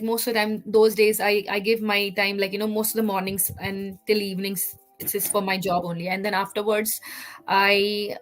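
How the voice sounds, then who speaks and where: A woman's voice: medium pitch, a bit bright, rough recording. A woman in her thirties from India, a guest in a casual interview, talking in a chatty way with many fillers.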